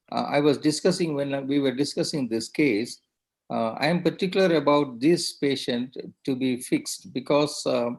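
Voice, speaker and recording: A neurosurgeon, speaking hesitantly and placatingly on a panel, with many restarts. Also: male voice, fairly high pitch, darkish tone, poor audio. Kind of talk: panel discussion.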